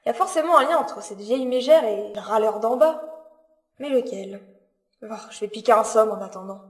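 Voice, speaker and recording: A woman's voice: a little high, a little fast, natural voice. A woman playing a grumbling, sardonic, exclamatory druid in a fantasy audio drama. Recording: roomy, echoing sound.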